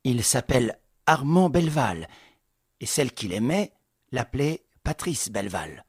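A man playing a calm, cool-headed gentleman who questions slowly in a low, measured voice, in an audiobook. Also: breathy edge, no echo, studio quality, full character voice.

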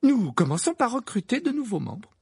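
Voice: mid-range voice, expressive, a little fast, darkish tone, husky, dry recording, studio quality, voice pushed up. An audiobook reader voicing Hermione, an earnest, bossy teenage witch who lectures with eager insistence. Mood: cheerful. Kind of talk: audiobook character voice.

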